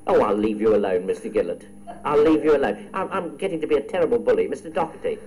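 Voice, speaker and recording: Playful quizmaster with lively pitch. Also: male voice, fast talker, low-quality recording. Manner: playful, teasing, chatty asides. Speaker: quiz show host. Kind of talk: radio quiz hosting.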